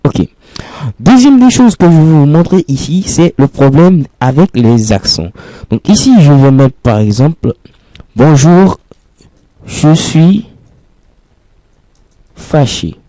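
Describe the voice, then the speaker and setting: A man's voice: on the high side, animated, moderate pace, dark tone, no echo. A man teaching a programming lesson in French over a screen recording, explaining patiently step by step and repeating key phrases. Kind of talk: screencast coding tutorial.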